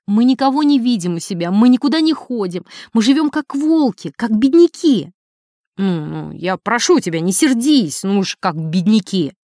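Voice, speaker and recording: A woman reading as a furious rich wife who scolds her husband in a shrill, scolding voice. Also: sing-song, normal speed, mellow, no room sound, studio quality. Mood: reproachful. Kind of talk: audiobook character reading.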